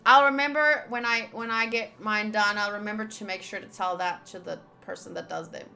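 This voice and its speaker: Her voice is medium-pitched and steady, a little fast, creaky, bright and forceful. This young woman is a streamer doing a game playthrough, chatting casually, reading the game's text out loud and adding joking asides while game music plays.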